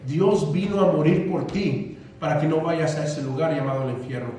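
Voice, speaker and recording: A man's voice: fairly high pitch, moderate pace, dark tone, a little hiss or hum. A man preaching a sermon as pastor, using emphatic repetition and calling the congregation brothers. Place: church sanctuary. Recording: echoey church hall, mic at a distance.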